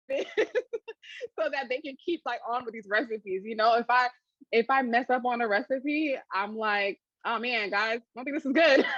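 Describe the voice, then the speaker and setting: Female interviewee, mid-pitch, chatty and animated, laughs a lot; dry, slightly dull recording. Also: no echo. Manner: chatty, animated, laughs often, many fillers. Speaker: interviewee, food channel creator. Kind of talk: casual interview answers.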